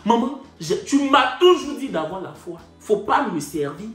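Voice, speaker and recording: Animated storyteller, man. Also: sits high, measured pace. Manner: animated, repetitive, indignant asides. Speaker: comedian storyteller. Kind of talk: comic storytelling. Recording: echoey room, faint music.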